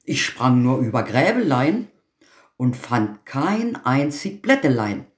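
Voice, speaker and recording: A man's voice: mid-range voice, sing-song, slow pace. A man voicing an ungrateful female goat in a fairy tale reading, drawing out her bleats at the end of her rhymes. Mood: complaining. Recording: roomy echo.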